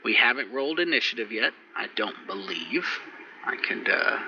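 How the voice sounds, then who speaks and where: A man recapping last session as game master, relaxed and rambling with fillers, over muffled voice chat audio. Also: mid-range voice, normal speed, noisy background. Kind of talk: recapping and running a tabletop game.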